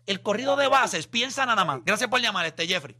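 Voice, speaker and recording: A young man hosting a sports podcast, arguing his point in an animated, emphatic way and stretching out his words for stress. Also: sits high. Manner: animated, argumentative, drawn-out emphatic phrasing. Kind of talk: casual sports debate.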